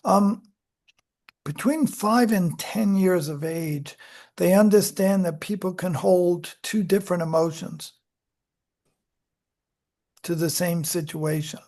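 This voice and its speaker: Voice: mid-range voice, slow, long pauses, a little mellow. A psychology lecturer explaining child development to a class in a conversational, self-correcting way, acting out examples. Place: lecture room.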